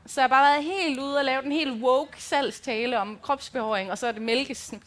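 High-voiced woman telling podcast anecdotes. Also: fairly bright tone. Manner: chatty anecdotal storytelling with many fillers. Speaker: podcast co-host. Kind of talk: live podcast storytelling.

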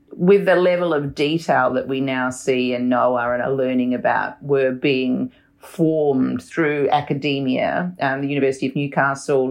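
A middle-aged woman hosting a podcast, talking in a measured, thoughtful way with frequent fillers. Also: very deep voice, vocal fry, a little mellow. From Australia. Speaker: podcast host. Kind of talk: casual chat.

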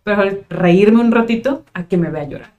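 A woman's voice: mid-range voice, moderate pace, a little mellow, dull audio. A Mexican woman in her thirties, a psychologist, chatting casually and expressively with lots of fillers. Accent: Mexican Spanish. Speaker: psychologist guest. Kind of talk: casual podcast chat.

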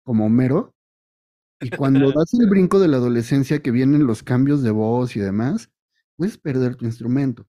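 A man's voice: mid-range voice, normal speed, dark tone. A man with a Mexican accent co-hosting a podcast, laying out his opinions at length in casual chat. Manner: opinionated, makes points at length. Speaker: podcast co-host.

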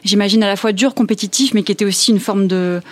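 A man's voice: high voice, steady tone, quick pace. A man interviewing a chef, prompting with casual, friendly questions.

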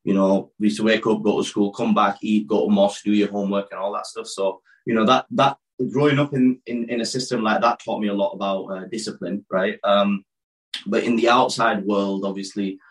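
Low-voiced man telling his life story. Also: fairly even intonation, fairly quick, low-quality recording. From born in Pakistan, raised in West Yorkshire. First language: Urdu. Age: 30s. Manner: open, rambling storytelling with many restarts. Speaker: guest, wrestler. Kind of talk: casual interview.

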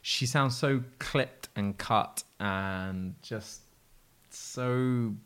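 A man hosts a relaxed podcast chat over drinks. He is opinionated and rambling, often trailing off and starting his words again. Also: medium pitch, extremely slow, clear, resonant tone. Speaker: podcast host. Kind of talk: casual drunk chat.

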